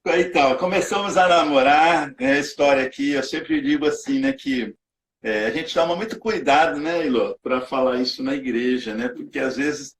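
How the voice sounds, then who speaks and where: A man's voice: medium pitch, normal speed. A man with a Brazilian accent, a pastor appearing as a guest over a video call, speaking politely in casual conversation. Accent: Brazilian Portuguese. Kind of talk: casual live-stream interview.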